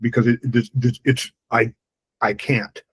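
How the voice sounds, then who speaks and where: A middle-aged man with a husky voice hosts a casual podcast conversation. He stumbles over his openings, swears offhandedly and pokes fun at himself. His pitch sits mid-range. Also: little pitch movement, unhurried, a bit bright. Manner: stammering restarts, casual swearing, self-mocking. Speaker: podcast host.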